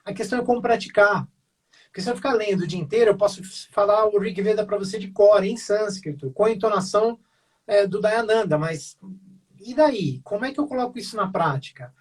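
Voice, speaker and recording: Husky man talking from a distance. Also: sits high, a little fast. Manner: earnest, rambling, many restarts and fillers. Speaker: mediation facilitator. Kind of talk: casual online panel talk.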